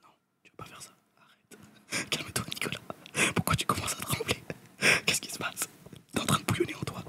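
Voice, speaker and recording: A young man whispering to himself as a calming inner voice, a whispered role-play. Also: brisk. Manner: hushed self-talk.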